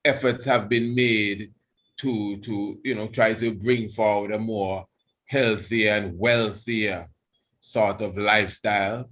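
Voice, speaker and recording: Deep voiced guy, rasta priest talk, reverent, halting, repeats himself as he gives thanks. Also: steady tone, fairly bright tone. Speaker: priest giving a guest address. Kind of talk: reverent celebratory religious address, extemporaneous.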